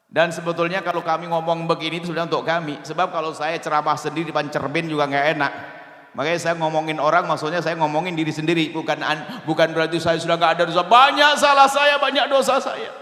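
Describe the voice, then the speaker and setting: A male preacher giving an impassioned sermon, dropping to low murmurs and rising to loud pleading. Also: reverberant, big-room sound.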